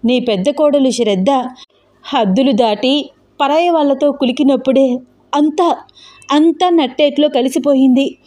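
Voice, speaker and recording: A woman voicing a scheming middle-aged wife who wails and shouts accusations in a spoken story. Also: normal speed, pauses often, natural voice. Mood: wailing accusing. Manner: shrill, wailing, accusing. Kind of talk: storybook acting.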